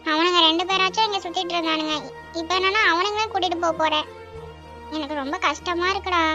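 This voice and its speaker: A sorrowful, clingy cartoon mother, voiced by a woman in a very high voice. She pleads and frets in a weepy way. Music plays clearly behind her. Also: fairly even intonation, quick pace. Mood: sad. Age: middle-aged. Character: middle-aged mother, tearful and clingy. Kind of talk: cartoon voice acting.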